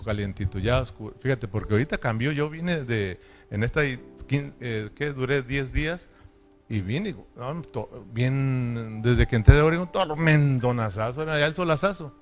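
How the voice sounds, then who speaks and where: Emphatic pastor preaching. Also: male voice, medium pitch, normal speed, faint music behind. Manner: emphatic preaching with repeated call-and-response questions. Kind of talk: sermon.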